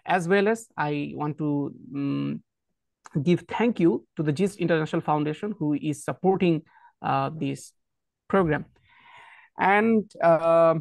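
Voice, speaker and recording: Young man, student guest, earnest, hesitant, gravelly, dry close sound. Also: a little high, dry recording. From Bangladesh. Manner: earnest, hesitant, apologetic about his English. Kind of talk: self-introduction in an online class.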